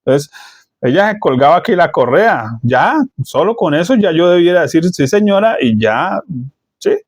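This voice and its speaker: Middle-aged Colombian preacher, casual sermon delivery, voice sits a bit high, dry recording. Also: male voice, normal speed, no echo. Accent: Colombian Spanish. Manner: conversational preaching, rhetorical questions, lively jumps in pitch.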